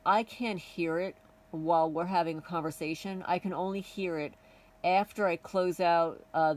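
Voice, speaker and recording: A woman's voice: on the low side, distant mic, rough recording. A woman with a Kentucky accent talking casually to her channel viewers, rambling with many ums and restarts. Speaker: homesteading channel vlogger. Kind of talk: casual vlog talk to viewers.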